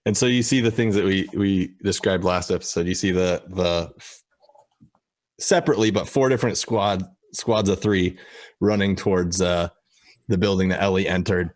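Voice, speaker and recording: A man narrating a tabletop game as game master, relaxed and casual. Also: low-pitched, moderate pace, dry recording.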